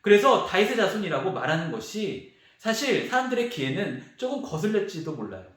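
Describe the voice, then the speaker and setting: A male youth pastor preaching a sermon to teenagers, telling the story with animated energy and acting out the voices of the crowd and the beggar. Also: high voice, brisk. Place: large church sanctuary. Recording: very echoey church hall.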